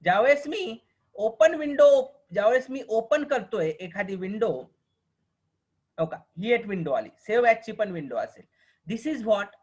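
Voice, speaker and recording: A man with a Marathi accent teaching a programming class online, often pausing to ask whether the students understand and slowing down for the English definitions. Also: sits high, lively intonation, breathy edge. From Maharashtra, India. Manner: keeps checking if students understand; mixes slow dictated English with quicker explaining.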